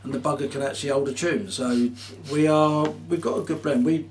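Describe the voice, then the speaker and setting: A man's voice: fairly high pitch, brisk, darkish tone, recorded from a distance, slight background noise. A man in a casual interview, telling stories about touring in a chatty, slangy way and laughing often. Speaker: band musician, interviewee. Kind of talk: casual chat.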